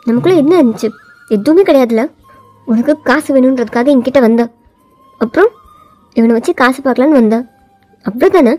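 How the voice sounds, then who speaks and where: A woman's voice: sits high, fairly quick, long pauses, darkish tone, soft background music, voice pushed down. A woman voicing a cold, arrogant young male CEO who talks in a taunting, domineering way. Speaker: voiceover artist.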